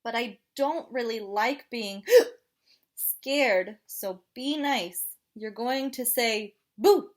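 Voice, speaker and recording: A woman voicing a young penguin in a storybook read-aloud, excitable and polite, frustrated by hiccups, addressing children like a kids show host. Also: a little high, very slow. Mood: hopeful, pleading. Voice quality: speech broken by gasping hiccups.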